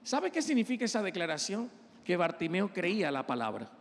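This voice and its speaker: Pastor preaching, fired up, voice echoes around a big church hall. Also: male voice, high voice, huge pitch swings, fairly quick, a little hiss or hum. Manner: impassioned, acts out quoted voices. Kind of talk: preaching sermon.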